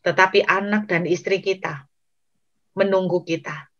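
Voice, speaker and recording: A woman's voice: on the low side, steady tone, unhurried, a bit bright. A woman voicing a desperate man pleading with God. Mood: rallying. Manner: pleading, crying out. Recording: dull lo-fi recording.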